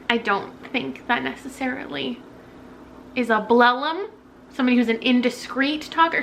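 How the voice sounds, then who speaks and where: A woman book vlogger chatting casually about words and books, wry and quick to laugh at herself. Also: a little high, sharp tone, a little hiss or hum. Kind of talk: casual vlog chat.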